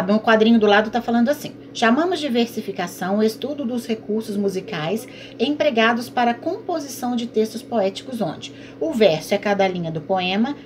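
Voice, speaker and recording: A woman teaching a recorded online class, patiently explaining and asking and answering her own questions. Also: fairly high pitch.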